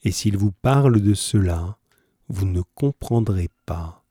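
A calm male doctor gives slow, measured commands in a low, mellow voice, as a reader plays him. The sound is close and dry. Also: slightly rough, no echo, full character voice. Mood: commanding. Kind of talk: reading aloud a classic story.

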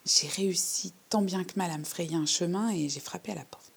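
A woman voicing a shy, overly polite little girl who tells her own story in a hushed, timid way. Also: lowish voice, fairly quick, gravelly, husky. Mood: earnest. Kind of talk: storybook reading.

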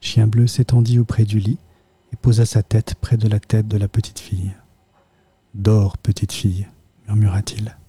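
A man narrating a children's storybook aloud in a measured, expressive way. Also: on the low side, breathy edge, dry recording. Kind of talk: storybook reading.

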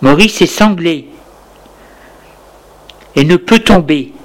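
A man reads a story aloud at a very slow, deliberate pace. His voice sits a little high, and he breaks the text into short phrases. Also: animated, rough recording.

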